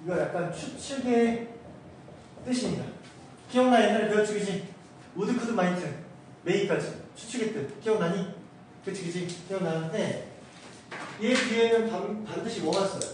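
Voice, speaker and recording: Korean guy teaching english grammar, high voice, talks slow, keeps asking "got it?". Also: a little hiss or hum. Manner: animated, asks students constant check questions. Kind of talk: casual classroom lecture. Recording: echoey room, far from the mic.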